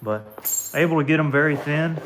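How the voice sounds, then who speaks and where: This livestream host is a Southern American man whose voice is fairly high and moderately paced. Easygoing and talkative, he chats with viewers by name while flintknapping, and the stone work produces loud knocks and clicks behind him.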